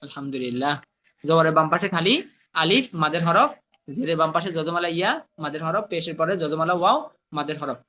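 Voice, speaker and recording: A man teaching Arabic letter reading, spelling out syllables slowly and often checking with his students. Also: a little high, pushed and bright. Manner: slow drawn-out syllables, frequent checking "right?". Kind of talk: spelling-out recitation lesson. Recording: muffled lo-fi sound.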